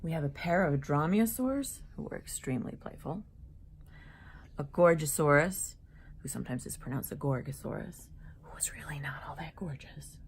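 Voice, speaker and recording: A woman children's author reads her picture book aloud in an animated storybook style aimed at young listeners, adding chatty asides. Her voice is low and her pace normal, with a little hiss or hum in the audio.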